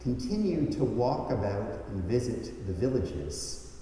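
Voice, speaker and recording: A man reads scripture at a church service, slow and deliberate, his tone dark and mellow while his intonation rises and falls in a lively way. His voice washes through a huge cathedral echo with a long reverb tail. He sounds far from the mic, with a faint hum of room noise behind him. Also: medium pitch. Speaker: gospel reader at a church service. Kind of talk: liturgical scripture reading. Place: large church.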